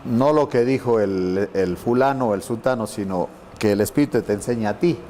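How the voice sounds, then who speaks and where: A man's voice: lowish voice, normal speed, slight background noise. A middle-aged man leading a conversational Bible lesson, telling stories and acting out the voices he quotes. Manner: animated storyteller, acts out quoted voices. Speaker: Bible class teacher.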